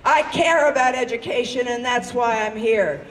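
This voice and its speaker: A woman's voice: a little high, moderate pace, echoey room. A middle-aged woman, a faculty member, gives an impassioned protest speech at an outdoor campus rally, speaking into a handheld mic. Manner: impassioned, rousing oratory. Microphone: handheld mic through a PA speaker. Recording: distant PA sound outdoors with noise.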